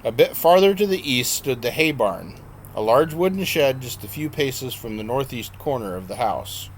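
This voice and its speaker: Guy reading his own book out loud, plain steady voice, middle pitch, fixes a slip now and then. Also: a little hiss or hum. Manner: plain, unhurried reading with occasional slips and self-corrections. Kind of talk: audiobook narration.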